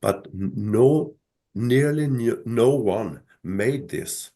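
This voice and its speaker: Slow, gravelly-voiced man losing his voice. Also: medium pitch, dark tone. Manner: slow, halting, many restarts. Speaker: son telling his mother's story. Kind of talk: live talk with a host.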